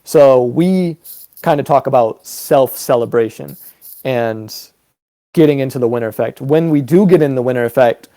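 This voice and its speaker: A man's voice: medium pitch, moderate pace, mellow, no room sound. A man co-hosting a podcast, explaining ideas in a reflective casual chat with many fillers. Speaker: podcast co-host.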